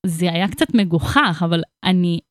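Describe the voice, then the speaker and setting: Chatty young woman, smooth voice. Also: fairly low pitch, lively intonation, no echo, clean studio sound. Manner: chatty, filler-heavy slangy speech. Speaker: musician guest. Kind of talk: casual interview chat.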